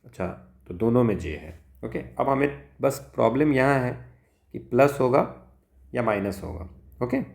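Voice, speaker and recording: Speaking at a normal speed in an animated, mid-range voice, this man sounds creaky and a little mellow in a roomy space. He's a physics tutor with an Indian accent, reasoning through exam problems aloud one step at a time in a blend of Hindi and English and frequently checking in with brief tag words.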